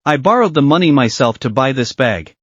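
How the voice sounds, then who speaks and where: A man's voice: medium pitch, expressive, fairly quick, a bit bright, no echo. A man voicing a vain, smug young wife who spends freely and talks with boastful scorn. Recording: dry, dull lo-fi voice.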